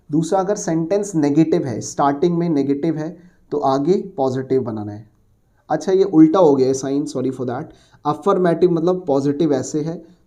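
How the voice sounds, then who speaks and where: A man's voice: a little high, mellow. A man teaching an exam-prep English grammar lesson. He explains patiently, asks the class questions and answers them himself, and mixes in English words and phrases.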